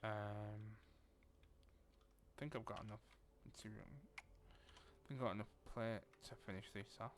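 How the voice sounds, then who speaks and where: This Lancashire-accented gaming creator chats casually over a building game, muttering and thinking out loud. He speaks on the low side in a steady tone, a little slowly, with slight background noise.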